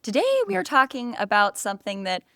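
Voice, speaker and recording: A woman's voice: mid-range voice, sing-song, a little fast, vocal fry, sharp tone, dry recording. A woman co-hosting a podcast, explaining things in an upbeat, playful way. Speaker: podcast co-host. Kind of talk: casual chat.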